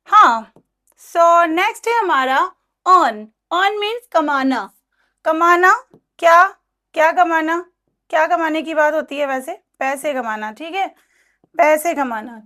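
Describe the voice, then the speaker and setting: Woman, bright high voice, patient teacher repeating words for pronunciation. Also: expressive. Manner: mixes Hindi and English, repeats each verb form slowly; careful pronunciation drills. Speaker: English teacher. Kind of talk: spoken grammar lesson.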